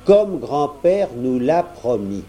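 A man's voice: medium pitch, big pitch swings, takes it slowly, warm tone, a little hiss or hum. A man voicing a cheeky, stubborn young boy in a storybook reading, eager and insistent.

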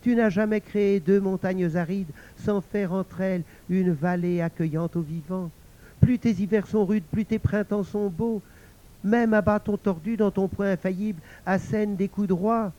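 A man's voice: high-pitched, steady tone, unhurried, mellow, lo-fi sound, voice pushed up. A man voicing a honeyed, coaxing wife. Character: sweet-talking cunning wife flattering God.

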